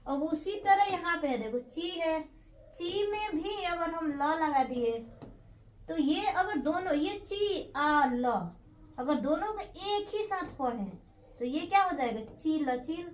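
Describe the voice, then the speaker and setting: A woman with a very high voice teaches young children to read, patiently repeating each syllable and stretching it out. She sounds like she's in a bare, echoing room. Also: expressive, unhurried. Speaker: primary school teacher. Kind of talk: slow spelled-out Hindi phonics lesson.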